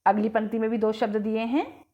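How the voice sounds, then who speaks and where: A woman teaching a language lesson in slow, scripted narration, drawing out each word with deliberate enunciation. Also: on the high side, steady tone, lo-fi sound. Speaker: Hindi teacher.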